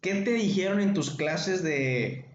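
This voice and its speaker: A man's voice: high voice, lively intonation, takes it slowly. A man with a Mexican accent teaching a medical class, chatty and joking, calling on students by name. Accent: Mexican Spanish. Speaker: medical lecturer. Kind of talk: informal online class. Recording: echoey, dull lo-fi room recording.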